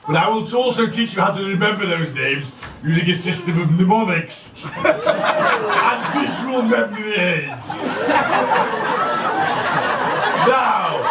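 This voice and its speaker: A man playing a camp, bawdy Roman wine god, telling stories in a shrill pantomime dame manner with theatrical mock-lecturing and crude asides. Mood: mock-grand. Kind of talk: live comic pantomime monologue. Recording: echoey, distant live stage recording, noisy audience. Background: loud laughing audience.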